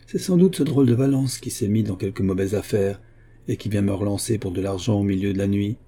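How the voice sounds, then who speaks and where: A man's voice: lowish voice, a little fast, dark tone, husky. A man voicing a frightened, guilty father who is a murderer. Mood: muttering. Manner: agitated, fearful.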